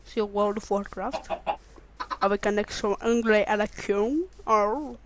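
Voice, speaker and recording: High-voiced guy rambling over gameplay. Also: fairly even intonation, takes it slowly, no room sound. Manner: rambling, joking, punning, talks to himself and viewers; swears casually, bursts into loud exclamations. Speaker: gaming video maker. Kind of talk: let's play commentary.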